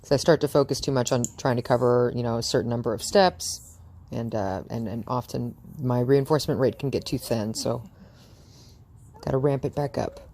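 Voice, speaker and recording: A woman's voice: rumbling low, normal speed, mellow, slight background noise. A woman dog trainer chatting through a training session outdoors in front of a house, cooing praise at the dog and laughing often.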